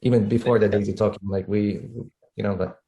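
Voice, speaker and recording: A man chatting casually on a live broadcast, speaking haltingly and repeating phrases. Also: on the low side, fairly even intonation, mellow.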